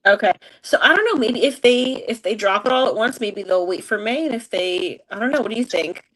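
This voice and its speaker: A woman's voice: on the high side, expressive, brisk, fairly bright tone, poor audio. A woman co-hosting a casual live-stream chat over a video call, speaking hesitantly and trailing off.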